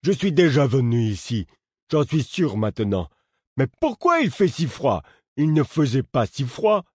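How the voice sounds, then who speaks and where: A big, simple-minded man who whines like a scared child, his voice pitched high and bright with worry, a male narrator doing him. He sounds wary of everything around him. The reading is dry and close to the mic. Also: wildly swooping pitch, measured pace, slightly rough, no room sound, exaggerated voice. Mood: startled. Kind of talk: audiobook character voice.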